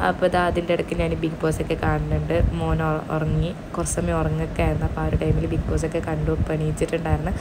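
A young mother chats through her day, throwing in lots of filler sounds. Her voice sits low and stays flat while she talks fast. Clear background noise runs under her voice-over. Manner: chatty, tags sentences with "you know", frequent hesitation sounds. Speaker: vlogger, mother of two small boys.

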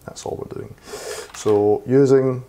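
A man teaching a coding tutorial who thinks aloud as he types, with fillers and quick self-corrections, and sounds a little hoarse. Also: medium pitch, steady tone, mellow, a little hiss or hum. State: slightly hoarse, losing his voice. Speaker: programming tutor. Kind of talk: screen-recorded coding tutorial. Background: keyboard typing and clicks.

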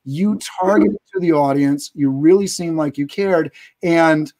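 A man's voice: on the high side, a little slow, darkish tone, low-quality recording. A man in his thirties hosting a live business interview show over a video call.

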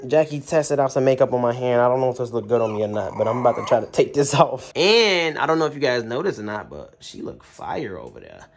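A man's voice: mid-range voice, sing-song, fast, few pauses. A young man chatting casually to camera in a family vlog, slangy, laid-back and teasing. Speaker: family vlogger.

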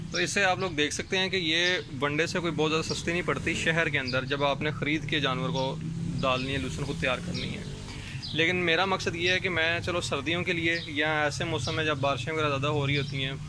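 Man, slightly higher voice, plain step-by-step vlog talk, handheld phone outdoors with steady background noise. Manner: practical, explains step by step with many "jo hai na" fillers. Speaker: rooftop goat farming vlogger. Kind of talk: casual explanatory vlog. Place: outdoors on a rooftop, beside drying hay.

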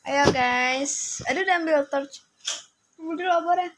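A woman's voice: high voice, moderate pace, very noisy. A young woman, chatting casually through a game and bossing her younger sibling around. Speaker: gaming streamer. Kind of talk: casual gameplay commentary.

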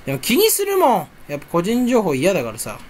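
A young man talking to himself while he browses at his home computer. His voice sits a bit high and leaps up and down all the time, and faint background noise runs under it. He rambles and mocks himself. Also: wildly swooping pitch, quick pace. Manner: rambling self-talk, jumpy and self-mocking. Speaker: video creator. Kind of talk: casual solo chat while browsing online. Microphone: desk or headset mic, face on camera.

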